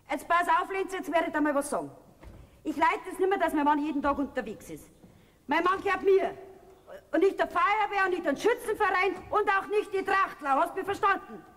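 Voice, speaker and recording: A woman's voice: extremely high pitch, normal speed. An actress with a Bavarian accent playing a fed-up middle-aged farm wife and mother who scolds her family in a folk theater comedy. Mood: indignant. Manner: scolding, indignant, loud. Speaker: stage actor. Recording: stage recording from far off, hall reverb.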